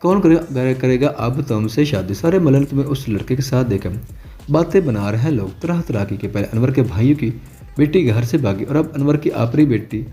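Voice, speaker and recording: A man's voice: mid-range voice, lively intonation, fairly quick, mellow, soft background music, lightly acted. A man reading the part of a stern, domineering middle-aged father in a romance novel, in a scolding manner.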